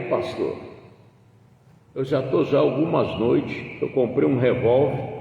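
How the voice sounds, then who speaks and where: A man voicing a distraught, betrayed middle-aged woman caller with a slightly hoarse voice, who pleads in high, strained bursts. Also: highs cut off, full character voice. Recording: echoey church hall, far from mic.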